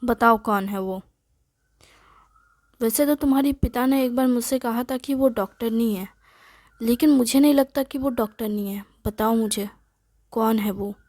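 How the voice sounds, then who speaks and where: A woman's voice: on the high side, a little mellow, dry recording. A woman voicing a nosy middle-aged mother who scolds and fires off questions at her son. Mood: prying. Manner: scolding, rapid-fire questioning. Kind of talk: storytelling dialogue.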